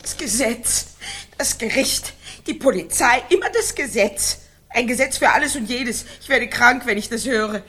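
Radio play: a fiery, husky wife, high-pitched with big swings of pitch, taunting and theatrical. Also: female voice, expressive, normal speed, pushed and bright, exaggerated voice. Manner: theatrical, taunting, emotional outbursts. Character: volatile wife, fiery, mocking, childless. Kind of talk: 1990 radio play acting.

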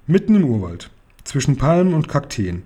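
Husky, warm male storyteller. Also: fairly high pitch, very animated, moderate pace. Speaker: audiobook reader. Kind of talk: storytelling narration.

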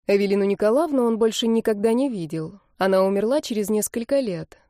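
A woman narrating an audiobook in a steady, dramatic storytelling manner. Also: medium pitch, a little fast, no room sound, clean studio sound. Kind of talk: scripted narration.

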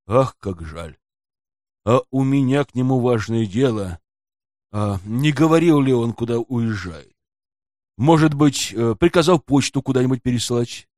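A man's voice: mid-range voice, lively intonation, unhurried, darkish tone, dry recording, close to an everyday voice. Guy reading as a wheedling nervous detective, middle-aged, fussy and dramatic, dead dry audio. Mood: polite. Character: anxious middle-aged male detective, pleading, theatrical. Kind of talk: audiobook character voice.

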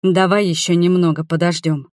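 A woman voicing a stern, protective young male water mage who speaks slowly and low. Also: level tone, a little mellow, no echo, clean studio sound, lightly acted. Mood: calm. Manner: slow, low and threatening.

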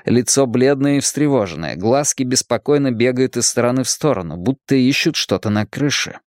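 A man narrating an audiobook in an expressive, storytelling way. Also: mid-range voice, normal speed, no echo, clean studio sound. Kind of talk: scripted narration.

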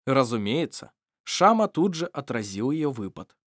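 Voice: medium pitch, sing-song, measured pace, no echo, studio quality. A reader narrating a fantasy novel in an audiobook, acting out every character.

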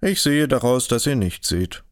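A man's voice: mid-range voice, expressive, normal speed, no room sound, studio quality, lightly acted. A man voicing a naive, earnest young man in an audiobook, speaking plainly and insistently. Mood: calmly insistent.

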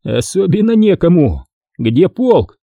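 A man's voice: sits high, big pitch swings, slow pace, gravelly, no room sound, muffled recording, voice pushed up, exaggerated voice. A man doing a brash young soldier under fire. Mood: shouting. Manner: shouted, brash quips.

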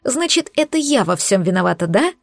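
A woman voicing a defiant young maid who is sharp-tongued and mocking, scoffing in a raised voice. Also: mid-range voice, sing-song, fairly quick, vocal fry, no room sound.

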